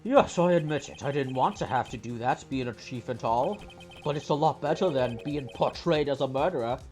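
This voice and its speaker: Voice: mid-range voice, fairly quick, darkish tone, soft background music, close to an everyday voice. A person voicing a scheming, smug old male police chief with an old man voice, in a video game read-aloud. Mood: grudging, composed. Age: older.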